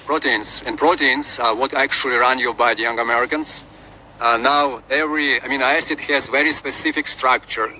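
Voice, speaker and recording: A man with a Slavic accent reading out a lesson as presenter, haltingly, often repeating and correcting his words. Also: mid-range voice, steady tone, sharp tone, slight background noise, rough recording. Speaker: presenter of a chemistry refresher. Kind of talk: lesson read from on-screen script with asides.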